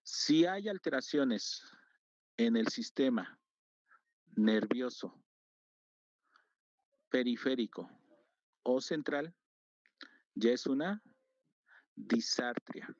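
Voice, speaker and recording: A man lectures his students at an unhurried pace, spelling out each term and pausing to check that they follow. His pitch sweeps up and down as he stresses words. The recording is dry and a little muffled. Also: dry recording. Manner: slow, deliberate, repeating key terms. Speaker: teacher. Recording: slightly dull, dry lo-fi recording.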